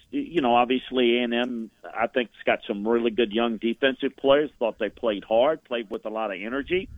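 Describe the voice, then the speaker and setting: A man's voice: mid-range voice, no echo. A man giving football analysis as a guest in a sports radio interview. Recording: tinny phone-line sound.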